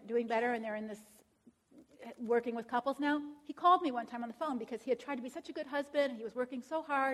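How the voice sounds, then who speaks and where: High-voiced woman giving a counseling lecture. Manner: frequent tag questions and check-ins. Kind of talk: conversational lecture.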